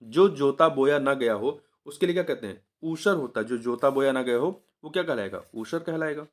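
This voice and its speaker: A man's voice: mid-range voice, fairly quick. A male teacher giving an exam revision lesson. He repeats each answer several times in a coaxing way and corrects himself mid-sentence.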